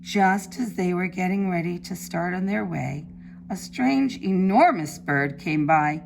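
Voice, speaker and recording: A woman preschool teacher reading a story aloud to young children in simple, deliberate phrases. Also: on the low side, creaky. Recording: faint background noise.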